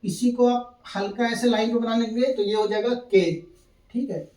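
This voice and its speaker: Male teacher, high-pitched, patient step-by-step lesson, roomy echo. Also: fairly even intonation, normal speed, a little mellow. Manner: patient, repeats steps, keeps checking in with "thik hai". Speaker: shorthand teacher. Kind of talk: classroom lesson at a board. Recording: echoey room, mic at a distance.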